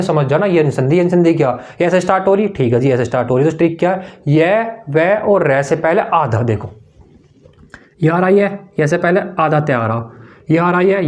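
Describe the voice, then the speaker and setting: A male teacher explaining Hindi grammar for an exam-prep class, repeating each point and calling the students "brother". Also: on the high side. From India.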